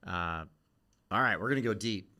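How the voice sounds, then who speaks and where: A man from Iowa hosts a casual live-stream interview, joking and teasing himself between questions. His voice sits very low but carries a bright, forward edge. He speaks over a video call. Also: moderate pace, a little hiss or hum. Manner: jokey and self-deprecating. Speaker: interviewer and host.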